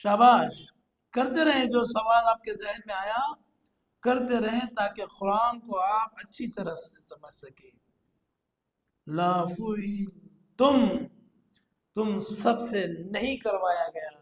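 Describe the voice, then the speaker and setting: A man's voice: high voice, slow pace, long pauses, roomy sound, low-quality recording. A man with an Urdu accent teaching Quranic Arabic grammar in an online class, drilling verb forms aloud and praising his students.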